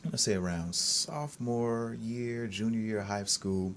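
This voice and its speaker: A man in his thirties, a fitness coach, speaking calmly and smoothly in an interview. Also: fairly low pitch, a little hiss or hum. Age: 30s. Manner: calm, smooth, measured. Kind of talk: reflective interview answers.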